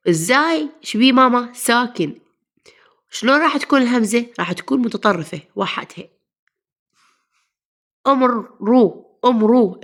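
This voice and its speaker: A woman teacher with an Iraqi Arabic accent, a little unwell, explaining a grammar lesson and asking the class questions she then answers. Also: on the high side. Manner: asks the class then answers herself, calls pupils "mama".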